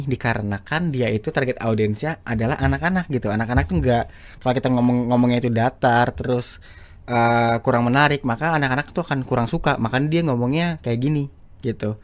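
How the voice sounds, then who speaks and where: Fairly quick and medium-pitched, a YouTube teacher of public speaking chats his way through a casual screen-share lesson about speaking in short videos. He repeats himself and keeps restarting, with plenty of fillers.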